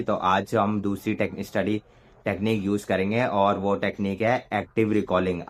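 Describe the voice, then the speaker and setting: Low flat-voiced young man. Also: slight background noise. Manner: explains step by step, Hindi mixed with English words. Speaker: student vlogger. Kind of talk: casual study vlog narration. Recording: voice-over with clear background music.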